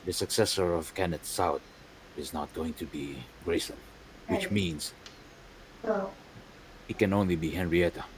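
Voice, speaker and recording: A man plays a grave, aging head of a noble house in a tabletop game. He speaks low, slow and measured. The voice stays close to the performer's own, with a faint hiss of noise behind it. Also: rough recording.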